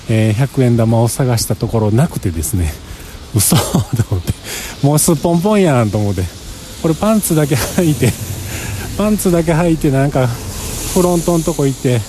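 A man's voice: mid-range voice, mellow, a little hiss or hum. A man with a Kansai accent, chatting in a rambling, self-mocking way for a casual travel diary while walking outdoors across a parking lot. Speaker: travel vlogger.

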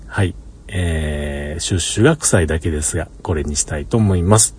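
A man's voice: extremely low pitch, fairly quick, a little mellow. A man with a Kansai accent rambling in an easygoing way in a casual solo monologue, often chuckling, recorded inside a parked car. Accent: Kansai Japanese. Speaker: solo podcaster.

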